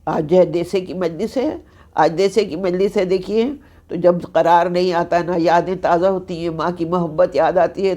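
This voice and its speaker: A woman's voice: on the low side, warm tone. A woman reciting a mourning sermon as zakira at a memorial gathering, with an impassioned, lamenting delivery and repeated phrases.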